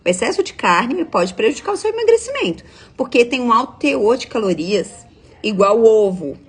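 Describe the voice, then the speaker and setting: A woman's voice: fairly high pitch, big pitch swings, normal speed, husky. A young adult woman, a nutritionist giving a live-stream talk, explaining step by step, reading viewer comments and often checking in with tag questions. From Minas Gerais, Brazil.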